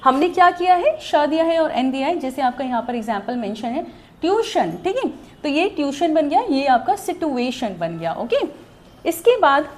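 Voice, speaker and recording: A woman's voice: sits high, very animated, normal speed. A woman teaching a shorthand class online, explaining step by step and often checking that students follow. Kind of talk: online lesson.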